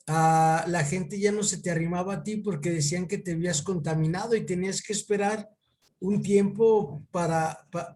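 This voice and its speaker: A man giving an informal one-on-one Bible lesson over a video call, pausing and repeating words as he thinks and often calling his student by name. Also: sits high, a little mellow. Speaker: Bible teacher.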